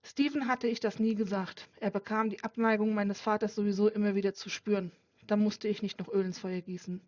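A woman narrating a first-person audiobook in a calm, subdued storytelling manner. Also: medium pitch, fairly quick, no echo. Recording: dull dry lo-fi recording.

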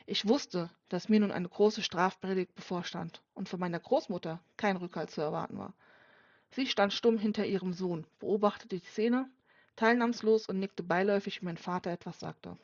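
A woman narrating a first-person audiobook in a calm, subdued storytelling manner. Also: mid-range voice, normal speed, no echo. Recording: dull dry lo-fi recording.

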